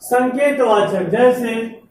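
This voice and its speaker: A woman teacher giving a classroom grammar lesson, talking slowly, repeating terms and dictating examples word by word. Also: fairly high pitch, darkish tone. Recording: very echoey room, voice far from mic, faint background hum.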